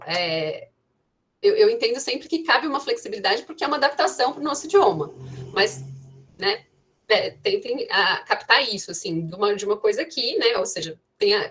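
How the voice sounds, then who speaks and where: A woman's voice: medium pitch, fairly bright tone. A woman teaching English grammar in an online class, thinking aloud with frequent restarts and "né".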